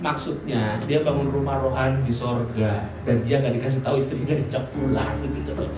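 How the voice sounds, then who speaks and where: A man's voice: mid-range voice, steady tone, normal speed. A male pastor preaching a sermon, telling stories, mimicking voices and dropping blunt slang asides. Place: church service in a hotel hall. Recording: echoey hall, mic distant, music faint.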